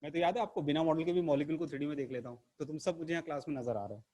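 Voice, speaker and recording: A man's voice: fairly high pitch, racing, a little mellow, highs cut off. Playful, theatrical male chemistry teacher. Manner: playful, theatrical, teasing the class. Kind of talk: online lesson to camera. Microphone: camera mic.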